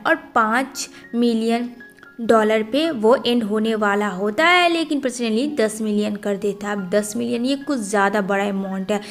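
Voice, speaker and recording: A woman narrating a movie story recap in a brisk storytelling manner. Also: on the high side. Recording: faint background music.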